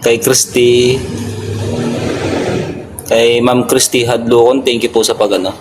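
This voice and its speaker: A man chats casually on a phone livestream between duties as a guard, courteous to his viewers and quick to laugh. His voice sits at an ordinary pitch. Clear background noise runs under the phone recording. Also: level tone. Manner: laughs often, thanks viewers politely with "po". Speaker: TikTok live streamer, security guard. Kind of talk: casual live-stream chat reading comments.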